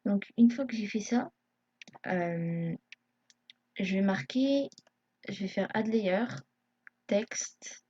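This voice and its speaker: A woman's voice: mid-range voice, a little mellow, husky. Hesitant young-sounding woman. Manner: hesitant, many fillers, self-conscious beginner. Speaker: YouTube tutorial maker. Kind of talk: live screen tutorial narration. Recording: dull lo-fi home recording.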